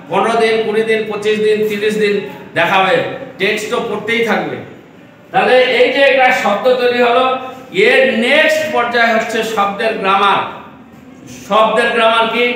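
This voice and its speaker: A man's voice: sits high, pushed and bright, slight background noise. A man teaching an English lesson, explaining step by step and repeating his phrases. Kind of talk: classroom lesson. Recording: echoey room, from far off.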